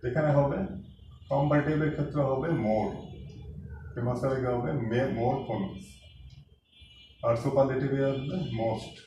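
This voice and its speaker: A man teaches English grammar, patiently breaking each rule down and slowing down to spell out example sentences. His voice comes from some way off the mic in a strongly echoing room, with faint room noise behind. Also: mid-range voice, steady tone, warm tone. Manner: explains step by step, slows down to spell out example sentences. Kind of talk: classroom grammar lesson. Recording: echoey room, mic at a distance.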